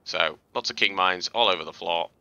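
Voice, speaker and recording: Low, sharp-voiced man explaining gameplay. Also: brisk, vocal fry, clear, resonant tone, no echo, highs cut off. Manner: relaxed, chatty explaining with fillers and restarts. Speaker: gaming video host. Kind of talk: casual gameplay commentary and tutorial.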